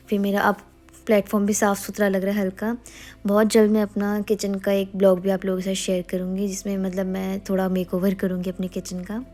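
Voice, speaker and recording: A woman's voice: medium pitch, warm tone. A young woman vlogger chattily narrating her daily routine in a casual voice-over, with frequent fillers and self-corrections.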